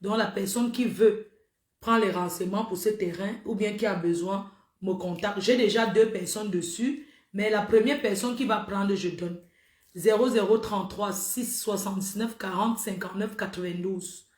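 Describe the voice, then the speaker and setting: A woman's voice: medium pitch, steady tone, normal speed, darkish tone. A middle-aged woman, hosting a casual livestream and scolding her viewers in an exclamatory way. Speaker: livestream host. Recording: roomy echo.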